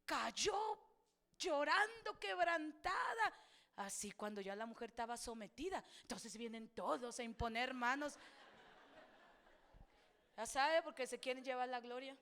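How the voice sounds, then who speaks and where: A middle-aged woman pastor with a Mexican Spanish accent, preaching a sermon and telling stories dramatically, swinging from loud declarations to near-whispers. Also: high voice, measured pace, long pauses.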